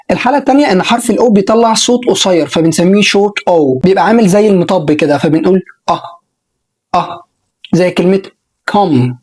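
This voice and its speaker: A man with an Egyptian Arabic accent presents a pronunciation lesson. He models each English word slowly and repeats it, pausing for the listener to try it. He encourages the learner as he goes. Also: high voice, a little mellow. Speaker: English teacher.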